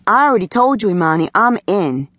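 A woman's voice: medium pitch, big pitch swings, brisk, fairly bright tone, no room sound. A woman voicing a young girl's cheeky best friend with a teasing, knowing way of talking. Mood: playful.

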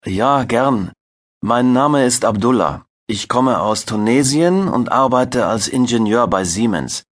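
An actor playing a friendly male participant in a scripted language-course dialogue, speaking slowly and clearly. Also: mid-range voice, lightly acted. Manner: slow, clear, careful delivery.

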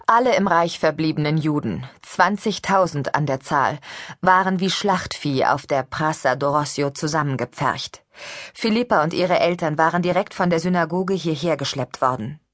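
Audiobook narrator, woman, lowish voice, dry studio sound, steady reading. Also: moderate pace, dry recording. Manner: steady, even storytelling. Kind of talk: scripted narration. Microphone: studio microphone.

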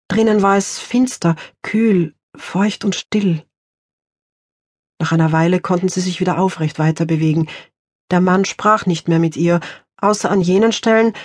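A woman author reading her own crime novel aloud in a measured, tense audiobook narration. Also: fairly low pitch, a little mellow, no echo, clean studio sound.

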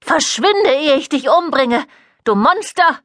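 A woman voicing a terrified mother who screams at her son and calls him a monster, in a shrill voice. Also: moderate pace, fairly bright tone, dry recording, clean studio sound, close to an everyday voice. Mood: panicked.

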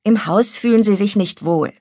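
A woman voicing a sensible older girl who reasons gently and with quiet amusement, in a storybook reading. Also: medium pitch, moderate pace, no room sound, close to an everyday voice. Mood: amused. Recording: dry studio recording.

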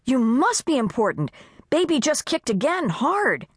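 A woman's voice: high-pitched, big pitch swings, a little slow, slightly rough, no room sound, studio quality, pitched above the performer's own voice, full character voice. A woman voicing a witty, nervous pregnant housewife who teases with wisecracks. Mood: teasing. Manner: wisecracking, teasing.

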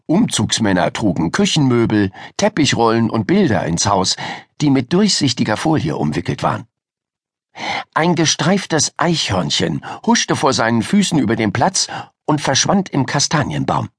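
A man narrating a children's audiobook with expressive, lively storytelling. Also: mid-range voice, normal speed, vocal fry, breathy edge, no echo, studio quality.

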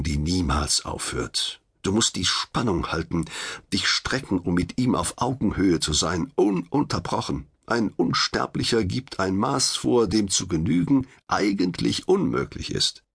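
A male audiobook narrator tells the story in a wry, confiding first person. His low voice carries a gravelly, husky grain, and his pitch swings widely as he reads. The reading is expressive and intimate.

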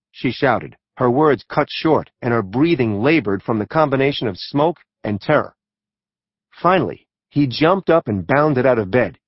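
A male narrator reads a true-crime audiobook in a measured, even style, at a mid pitch for a man. The recording is dry and close. Its sound is dull and lo-fi. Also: no room sound.

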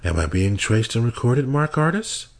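A man's voice: mid-range voice, very animated, moderate pace, vocal fry, voice pushed up. A man voicing a taunting female kidnapper with a Brooklyn accent, speaking with cold contempt.

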